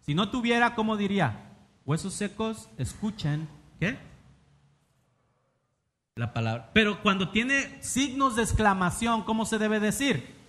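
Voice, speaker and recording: High, bright Mexican preacher. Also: male voice, animated, unhurried, long pauses. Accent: Mexican Spanish. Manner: dramatic, emphatic scripture reading with rhetorical questions to the congregation. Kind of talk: sermon. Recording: long reverb of a large hall.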